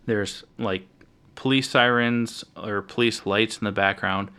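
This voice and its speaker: A man with a fairly low voice chats excitedly about superhero films as a podcast co-host. He jokes around and swears casually. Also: a little slow, clean tone.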